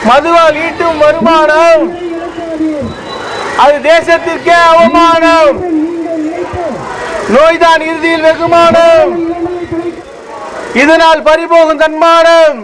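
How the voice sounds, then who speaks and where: A man calls out slogans through a megaphone at a street rally, every line repeated twice in a sing-song rhythm. His voice sits very high, slow and unvaried. Loud crowd and traffic noise fill the street behind him. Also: completely flat delivery, poor audio. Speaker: anti-drug rally slogan leader.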